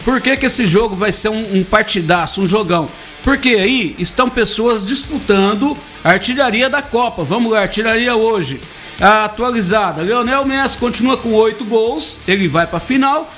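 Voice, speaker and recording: A man's voice: high-pitched, normal speed, a bit bright, faint music behind. A man from Brazil doing casual, joking sports talk as a radio commentator, teasing his co-hosts.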